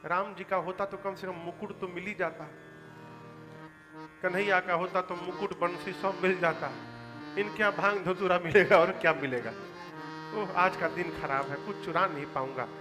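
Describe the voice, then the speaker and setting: A man's voice: a little high, moderate pace, hardly any pauses, natural voice. A male storyteller voicing a sulky thief who mutters self-pitying complaints, in an echoey hall with faint music. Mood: grumbling.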